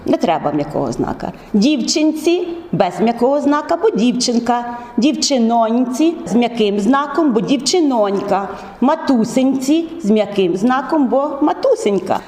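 A woman teacher explaining spelling rules step by step, in a measured, methodical way. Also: a little high, dark tone. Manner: measured, methodical, drawn-out words. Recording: echoey room with long reverb.

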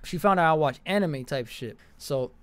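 A young adult American man tells his stream chat a casual story, slangy and profane, repeating phrases for emphasis. His voice is on the high side, clean in tone, at normal speed. He's indoors in a bedroom or basement room, close to a desk microphone, wearing a headset.

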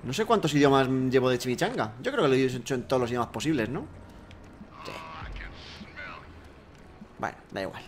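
An excitable man with a Spain Spanish accent yelling and joking through a let's play. His pitch leaps all over the place as he curses and sings nonsense. Clear background noise from the game sits under his voice. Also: fast talker. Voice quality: excitable, swearing, sing-song silly outbursts. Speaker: gaming youtuber.

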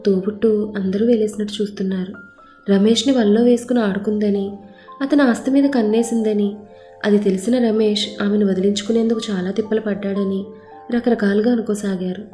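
A woman storyteller reading a family drama aloud in an expressive way, shifting her tone for the characters' lines. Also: medium pitch. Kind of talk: scripted narration of a family drama, voicing every character. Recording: roomy echo with faint music behind. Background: faint background music.

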